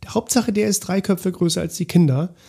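Husky-voiced man musing in a podcast chat. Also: high-pitched, brisk, warm tone. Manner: thinks aloud, restarts often, talks over his partner. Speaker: podcast co-host. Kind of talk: casual discussion podcast.

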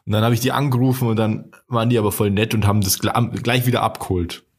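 A man's voice: fairly low pitch, little pitch movement, fast talker, breathy edge. A man co-hosting a casual podcast, telling rambling personal anecdotes full of restarts and asides. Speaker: podcast co-host. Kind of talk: casual chat.

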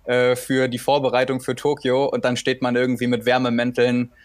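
A man's voice: medium pitch, monotone, fairly quick, dry recording. A man co-hosting a podcast as an expert, talking casually over a remote call and thinking aloud as he goes. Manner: hesitant, many fillers and restarts, thinking aloud. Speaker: podcast co-host, triathlon expert.

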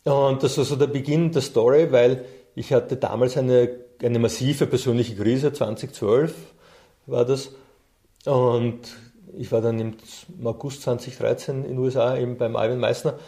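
Relaxed and mellow, this middle-aged coach and trainer recounts personal stories as a guest in an interview. He talks conversationally at a normal speed, his pitch typical for a man.

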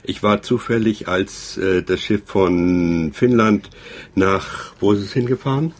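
A man with a very deep, husky voice speaks in a measured way from a ship's cabin. He tells his cruise stories calmly and pauses now and then to find the right word. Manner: measured, slightly halting storyteller. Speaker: podcast guest. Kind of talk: casual conversation. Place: ship cabin at sea.

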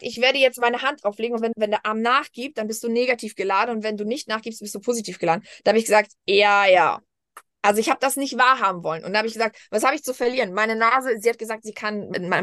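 A woman in her thirties, a podcast guest, telling stories in lively casual chat and acting out the quoted dialogue. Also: a little high, fast talker, hardly any pauses, no echo, studio quality.

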